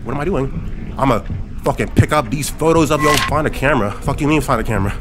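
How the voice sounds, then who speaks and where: A man's voice: mid-range voice, quick pace, heavy background noise. A young man doing let's play commentary, hyped and profane, trash-talking the game's villain and repeating taunts over and over. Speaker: gaming YouTuber.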